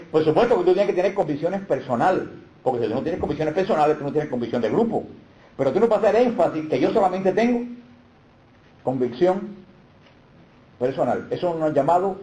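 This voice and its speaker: A man's voice: fairly high pitch, dark tone. Emphatic man teaching catechism. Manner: emphatic, asks rhetorical questions. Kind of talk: catechesis lecture. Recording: echoey room.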